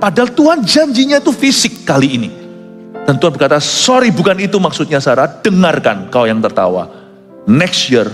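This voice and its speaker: Pastor guy preaching big in a church hall, lively up and down voice, long echo, soft music under it. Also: medium pitch. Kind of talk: sermon.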